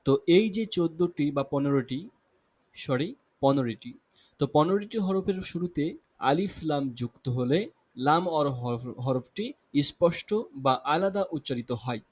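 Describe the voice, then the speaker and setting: A man's voice: fairly high pitch, lively intonation, a little slow. Patient Bengali-speaking male Arabic teacher. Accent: Bangladeshi Bengali. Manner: patient, repeats and corrects himself. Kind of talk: explanatory language lesson.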